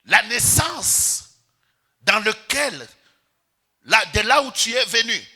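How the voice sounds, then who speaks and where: A man's voice: high-pitched, sing-song, takes it slowly, pushed and bright, breathy edge. A Congolese pastor preaching a sermon in church, calling out to the congregation and stretching his key words for emphasis. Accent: Congolese French.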